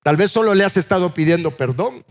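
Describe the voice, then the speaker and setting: A man with a notably high voice preaches a sermon as a pastor. He talks earnestly and pleads, and he circles back to the same phrases as he presses his point home. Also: animated, a little fast.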